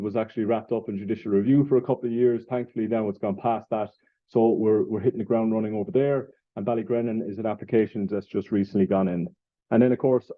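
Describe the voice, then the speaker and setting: A man's voice: fairly low pitch, dry recording, phone-quality sound. A man in his forties with an Irish accent giving a conference presentation, informal and full of fillers and restarts. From Ireland. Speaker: presenter at an industry event. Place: conference room.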